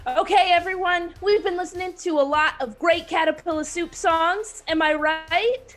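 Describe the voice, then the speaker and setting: A showy pop star rallies her fans with big, rousing stage talk, as a woman voices her in a tabletop game. The voice sits high and lifts even higher. Faint music plays underneath. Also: moderate pace. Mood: hyping. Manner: rousing, crowd-pleasing stage patter.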